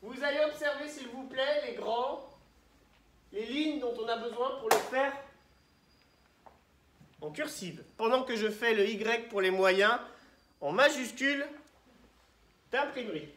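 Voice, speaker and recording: A man teaching young children, asking questions and spelling words out slowly syllable by syllable. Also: very high-pitched, fairly bright tone, distant mic, slight background noise. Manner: questioning, prompting pupils to answer. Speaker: primary school teacher. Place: classroom. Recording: roomy echo, voice from the mic.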